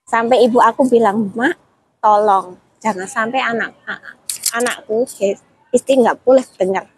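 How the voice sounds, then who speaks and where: A woman's voice: a little high, moderate pace, a little hiss or hum, poor audio. A woman, talking casually as an interview guest and retelling her story with quoted dialogue and many restarts. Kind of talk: casual chat.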